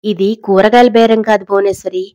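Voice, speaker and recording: A woman's voice: medium pitch, steady tone, fairly quick, dark tone, dry recording, lightly acted. A woman voicing a sarcastic blackmailing woman. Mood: taunting. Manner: sarcastic, taunting. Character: mocking mysterious woman blackmailer, laughing cruelly.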